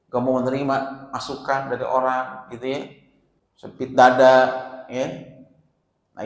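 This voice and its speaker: A man giving a casual mosque sermon, quoting Arabic and asking the audience questions. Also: mid-range voice. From Indonesia. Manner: conversational, asks the audience questions. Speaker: ustadz giving a mosque study lecture. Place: large mosque hall. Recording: echoey mosque hall reverb.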